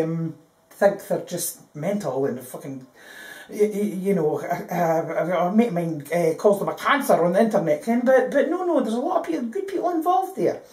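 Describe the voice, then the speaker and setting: Scottish woman, profane vlog rant, swings between high and low pitch, echoey room. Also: darkish tone. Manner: swears heavily, laughs often, frequent "ken" and "aye". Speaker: vlogger. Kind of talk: profane ranting monologue.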